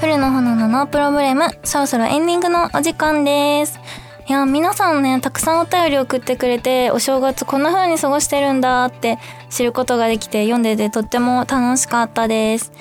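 A woman's voice: sits high, fairly even intonation, brisk, soft background music. Bubbly young woman hosting a radio show. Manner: chatty and bubbly, acting out quotes. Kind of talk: casual solo free talk.

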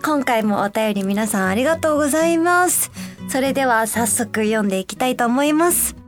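A young woman from Osaka hosts a relaxed radio show in a high, light voice. She chats in a friendly way, drifting through soft fillers as she thinks aloud. Faint music plays quietly behind her. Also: fairly quick. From Osaka, Japan. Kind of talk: casual radio chat, reading listener letters.

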